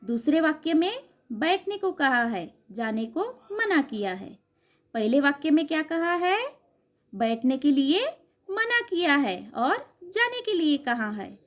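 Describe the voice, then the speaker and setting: A woman with an Indian accent teaching young children an online class, slowly repeating each point as a question and answer. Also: high-pitched, very animated.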